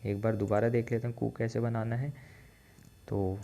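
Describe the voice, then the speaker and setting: A man's voice: medium pitch, flat delivery, normal speed, creaky, mellow. A man teaching a writing lesson, patiently counting out each stroke aloud as he explains. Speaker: language teacher.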